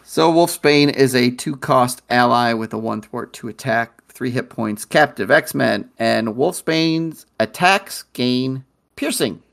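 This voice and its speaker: Gravelly-voiced man co-hosting a podcast. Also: mid-range voice, takes it slowly, fairly bright tone. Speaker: podcast co-host. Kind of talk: casual chat.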